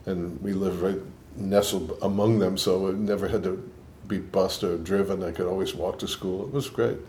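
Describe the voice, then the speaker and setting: The recording has a little hiss or hum behind a deep, darkish male voice with fairly even intonation and normal speed. He's an older scientist from Boston with a Boston–New York accent, giving reflective interview answers about his life, thoughtful and full of restarts.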